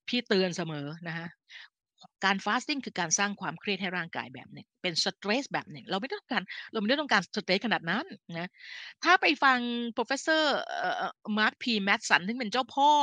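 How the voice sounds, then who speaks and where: A woman's voice: medium pitch, sharp tone, dry recording. A woman hosting a live health talk in a chatty, older-sister way, often correcting herself mid-sentence. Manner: chatty, with frequent self-corrections and fillers; speaks to listeners as an older sister. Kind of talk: casual explanatory live talk.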